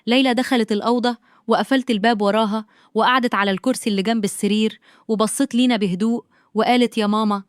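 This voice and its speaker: A woman's voice: a little high, fairly even intonation, fast, dry recording, clean studio sound. A woman with an Egyptian accent narrating a first-person audio story in a confessional way. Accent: Egyptian Arabic.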